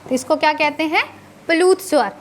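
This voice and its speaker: A woman giving a grammar lecture, asking the class questions and answering them herself, often adding a tag question, and drawing out sounds slowly to show how they are said. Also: sits high, a little hiss or hum. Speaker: Hindi grammar teacher.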